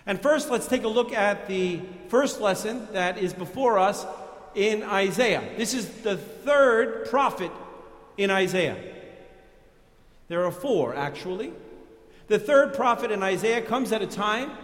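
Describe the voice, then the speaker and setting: A New York-accented man delivering a sermon in an easy, folksy manner. His high voice is heard in a roomy church with a long, lingering echo. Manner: conversational, folksy preaching. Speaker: pastor. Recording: echoey church reverb.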